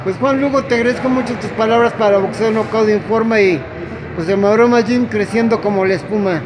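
A sports reporter speaks from off camera in a high voice for a man, asking brisk questions. Clear noise surrounds his voice in the recording. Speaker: boxing news reporter. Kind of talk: interviewer questions.

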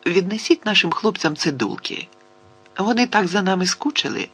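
Brief: a man playing a cheeky young woman wheedling a favor, raised, bright voice. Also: high voice, lively intonation, moderate pace, husky, voice pushed up, exaggerated voice. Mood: coaxing. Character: bold, playful young woman prisoner.

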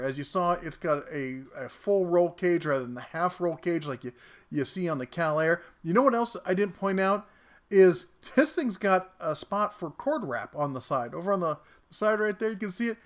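Brief: joking male tool reviewer, slightly high voice, chatty garage demo delivery. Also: expressive, normal speed. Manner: wisecracking, talks while working. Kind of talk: casual product review. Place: home workshop garage.

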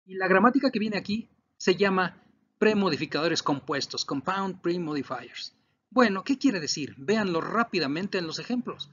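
A man's voice: high-pitched, lively intonation, normal speed, a bit bright, a little hiss or hum. A man with a Mexican Spanish accent teaching an English lesson, reading out English words one by one and giving each one's Spanish meaning. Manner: drills word pairs, switching between English and Spanish. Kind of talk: recorded classroom lesson. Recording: dull lo-fi recording.

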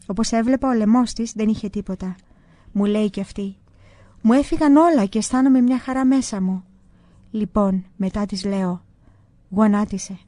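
A woman calmly reading a religious book aloud in the first person, in scripted narration. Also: mid-range voice, dry recording. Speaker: audiobook reader.

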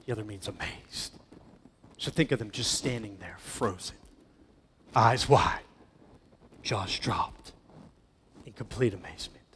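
A man preaching a sermon as pastor, with a dramatic delivery that swings between loud emphatic passages and hushed ones. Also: on the low side, slight background noise. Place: church hall. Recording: church hall with long reverb.

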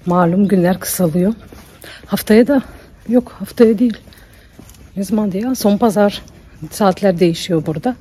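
A woman's voice: medium pitch, moderate pace, long pauses, warm tone. A woman chatting casually to the camera in a vlog, cooing at a dog now and then. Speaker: vlogger. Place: home kitchen and outdoors.

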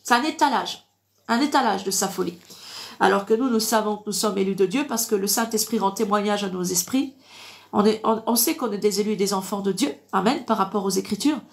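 This woman has a gravelly, mid-range voice that sounds congested, like her nose is blocked, and she speaks fairly quickly. As an online preacher, she gives informal live Bible teaching with verse readings, didactic and repetitive, with amens punctuating her points.

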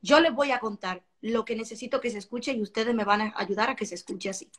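A woman singer talking about her album in a casual interview, animated and expressive, often repeating words as she searches for them. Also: on the high side, fast. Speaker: singer-songwriter guest.

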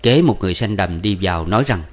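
Male narrator, somewhat low voice, measured audiobook reading with footnotes. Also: lively intonation.

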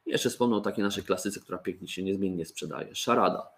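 A man's voice: sits low, fairly quick. A man casually presenting board games, joking and often restarting his sentences. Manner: chatty, joking, with fillers and restarts. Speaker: toy company presenter.

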